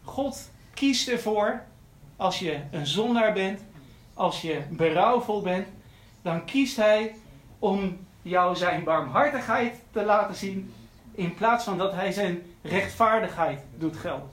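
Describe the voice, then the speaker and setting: A man's voice: high-pitched, lively intonation, slow pace, hardly any pauses, fairly bright tone, roomy sound, poor audio. A man preaching a sermon, earnest and repeating his key phrases for emphasis. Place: church.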